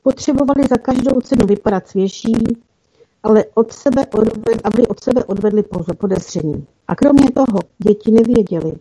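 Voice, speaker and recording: A woman narrating a children's fantasy story in an even, careful reading style with small slips. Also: fairly high pitch. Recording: dull lo-fi recording.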